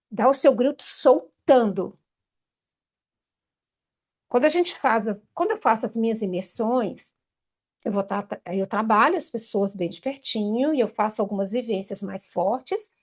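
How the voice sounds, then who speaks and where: A Brazilian woman with a Brazilian Portuguese accent leads a group over a live video call. She coaches in an animated, emphatic way and speaks right to her listeners, her voice high and bright. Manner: animated, emphatic, talks directly to the audience. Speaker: coach and trainer leading an online group session. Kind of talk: live online workshop, guiding an exercise.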